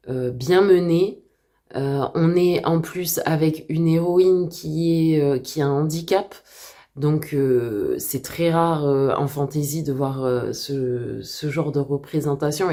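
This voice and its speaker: Slow, hesitant low-voiced woman. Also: dark tone. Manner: hesitant, many filler pauses. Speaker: book vlogger. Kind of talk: casual chat to camera.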